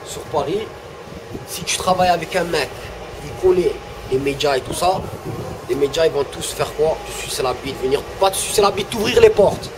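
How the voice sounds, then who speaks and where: A man's voice: fairly high pitch, moderate pace, background noise. A male rapper talking bluntly and with swearing in a casual interview, then rapping a freestyle. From Algeria.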